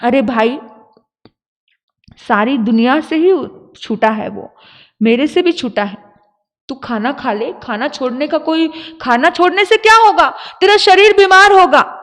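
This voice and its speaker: A woman voicing a gentle sister who softly coaxes and consoles her grieving brother. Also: high-pitched, unhurried. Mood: coaxing. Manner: soft, coaxing and tender. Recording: long hall reverb.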